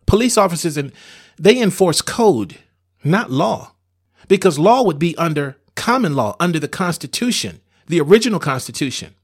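A man with a drawl talks in a preaching-style monologue, his voice sitting a bit high. He is emphatic and doubles back on words to stress a point.

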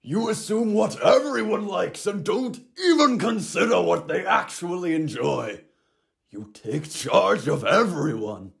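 A man acting Scrooge in a hobby audio drama, pleading and shouting dramatically. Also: high voice, animated, measured pace, creaky. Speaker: amateur voice actor playing Scrooge.

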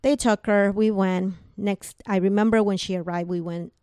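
A woman's voice: medium pitch, steady tone, normal speed, warm tone, clean tone, no room sound, clean studio sound. A woman telling a personal story in conversation, retelling what people said through quoted dialogue, with casual fillers.

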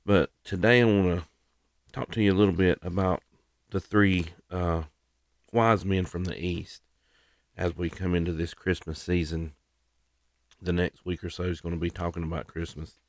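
Deep-voiced man hosting a devotional podcast. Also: fairly even intonation, normal speed, long pauses. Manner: plain, homespun delivery with fillers and small restarts. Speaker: podcast host and lay preacher to firefighters. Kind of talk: devotional talk and scripture reading.

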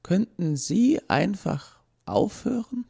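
A broken-down robot with a childlike, giddy devotion to his painting hobby, heard in a storybook reading. The voice sits very high above a normal man's and comes out eager and stammering. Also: expressive, slow, gravelly, warm tone, breathy edge, heavily acted. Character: broken childlike male robot obsessed with crafts.

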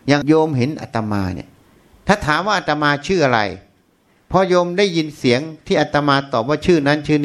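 A man, a Buddhist monk, giving a Dharma talk, patiently explaining and asking questions that he often answers himself. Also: on the high side.

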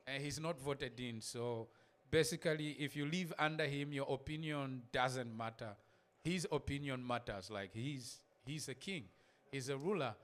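A man's voice: medium pitch, moderate pace, a bit bright. A man from Zambia, a missionary guest speaker, giving a casual church talk with pictures, repeating words and laughing in asides.

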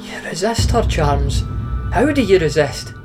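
A man's voice: on the high side, animated, unhurried, over music. An actor playing a feverish young man tormented by a haunting voice, pleading urgently. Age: young adult.

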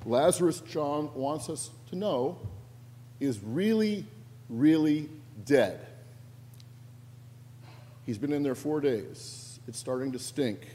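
A man preaching a sermon as pastor, telling stories with animated quoted voices and touches of humor. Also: on the high side, slow pace, long pauses. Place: church sanctuary. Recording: long reverb of a church sanctuary.

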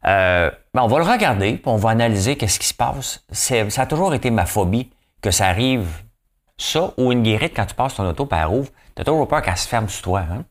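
A man with a Québécois accent talks through his podcast in a relaxed, joking way. His voice sits low but moves around constantly, rising and falling as he banters. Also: brisk. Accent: Québécois French. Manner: playful, chatty, keeps asking "hein?". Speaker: podcast host. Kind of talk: casual commentary.

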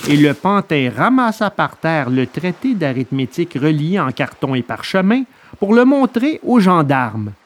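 Expressive male storybook narrator. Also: a little high, normal speed. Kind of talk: audiobook reading of a children's tale.

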